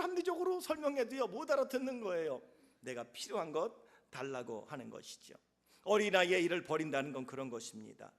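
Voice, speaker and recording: A male pastor preaching a sermon in a church, acting out little scenes of dialogue along the way. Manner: animated preaching, acts out dialogue with big swings of pitch and volume. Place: church sanctuary. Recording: long hall reverb.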